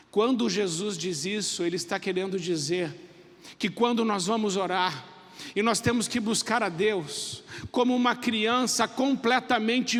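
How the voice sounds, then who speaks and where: A Brazilian man preaching a sermon as pastor, dramatic, dropping to hushed lows and rising to emphatic highs, acting out little voices of children and parents. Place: church sanctuary. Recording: long church reverb.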